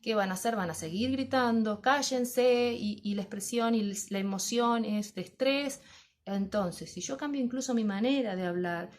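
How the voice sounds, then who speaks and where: A woman's voice: mid-range voice, normal speed. A middle-aged woman talks to fellow teachers in a loose, thoughtful way. She keeps posing questions to herself and answering them as she guides her listeners. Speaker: teacher trainer.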